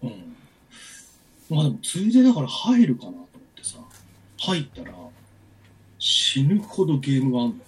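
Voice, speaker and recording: A man's voice: medium pitch, huge pitch swings, moderate pace, long pauses, slightly rough. A man in his forties telling a long personal story in casual chat, with many fillers and restarts.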